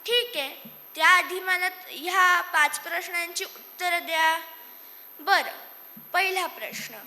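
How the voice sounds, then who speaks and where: A woman's voice: extremely high pitch, takes it slowly, bright, forceful tone, exaggerated voice. A woman voicing a hardworking male rooster who speaks firmly and asks pointed questions. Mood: stern. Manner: firm, questioning, matter-of-fact. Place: stage in a hall. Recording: echoey hall.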